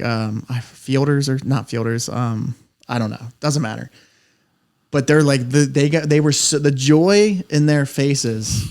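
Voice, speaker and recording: A man telling rambling, profane stories in casual podcast chat, laughing as he goes. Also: medium pitch. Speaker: podcast co-host.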